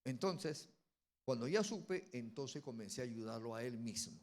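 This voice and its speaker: A man, a pastor telling a story in a sermon and building to loud, emphatic preaching. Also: medium pitch, expressive, a little slow. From Peru.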